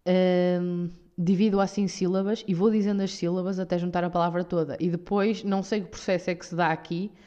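Young woman podcaster from Portugal, European Portuguese accent, rambly and self-mocking, low mellow voice, dull lo-fi sound. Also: little pitch movement, fairly quick. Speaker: podcast host. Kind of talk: casual solo podcast monologue.

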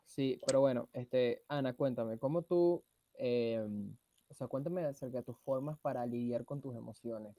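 A young man with a Venezuelan accent co-hosting a podcast, joking in slangy casual chat with loud bursts. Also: medium pitch, measured pace, no echo. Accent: Venezuelan Spanish. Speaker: podcast co-host.

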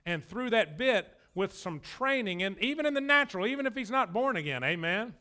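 A man's voice: high-pitched, animated, brisk, bright, forceful tone. A man, preaching a sermon as pastor in a folksy, joking, emphatic way.

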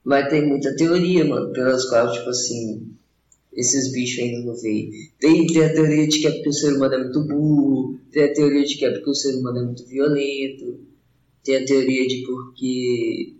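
A man's voice: mid-range voice, a little mellow. A young Brazilian man in a casual, rambling chat, talking in a slangy, meandering stoner style. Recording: roomy echo, slightly dull sound.

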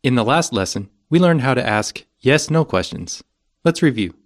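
A man's voice: mid-range voice, lively intonation, normal speed. A man with an American accent, hosting a scripted language lesson podcast with some casual chat.

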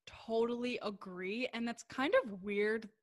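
A woman's voice: fairly high pitch, a little slow, dry recording, clean studio sound. A young woman co-hosting a podcast, talking casually, full of "like", swearing freely and laughing often. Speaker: podcast co-host. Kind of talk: casual chat.

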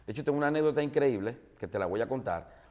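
A man's voice: mid-range voice, racing. Joking Maracaibo-accented man telling anecdotes. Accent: Maracaibo Venezuelan Spanish. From Zulia, Venezuela. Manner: animated, jokey anecdotes with many fillers. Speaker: interview guest, broadcaster. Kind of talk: casual storytelling interview.

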